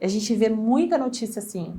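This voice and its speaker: A woman talks on a studio talk show, and her voice sits a bit higher than most. She speaks with animation and throws herself into the points she makes. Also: moderate pace. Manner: animated, acts out quoted remarks with exaggerated voices. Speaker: guest commentator on social media.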